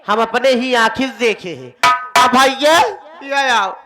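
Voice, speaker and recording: A man's voice: very high voice, takes it slowly, very noisy. A man playing a protective elder sister in a folk stage drama, speaking in an insistent manner.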